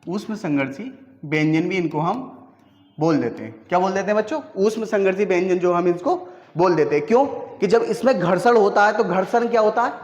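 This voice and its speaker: A man's voice: high voice, fairly quick, darkish tone. A male teacher giving a classroom lesson, who keeps asking his students questions and then answering them himself. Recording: echoey room, dull lo-fi sound.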